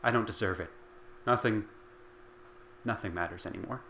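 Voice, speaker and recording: A man voicing a lonely, downcast orphan girl who speaks softly and hesitantly. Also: on the low side, normal speed, roomy sound, a little hiss or hum. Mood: despairing. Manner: soft, hesitant.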